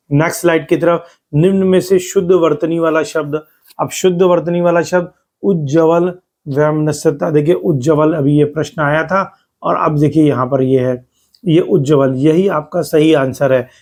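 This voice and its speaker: A man teaching exam spelling over slides, who repeats words slowly for stress and explains step by step. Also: on the high side, darkish tone. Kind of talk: spoken lesson over slides.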